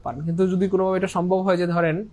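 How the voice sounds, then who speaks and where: High-voiced man teaching an English lesson. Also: level tone, racing, dark tone. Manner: asks the class questions and answers them himself in call-and-response; often says "inshallah" and "dear brothers and sisters". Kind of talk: online English grammar lesson.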